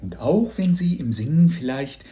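A man doing a gushing, shrill neighbor lady. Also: very animated, moderate pace, dark tone. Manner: effusive, shrill, theatrical. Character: gushing, over-the-top disguised older neighbor woman.

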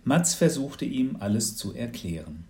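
Male narrator for a kids' Christmas storybook, playful and animated. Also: mid-range voice, a little slow. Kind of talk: reading a children's story aloud.

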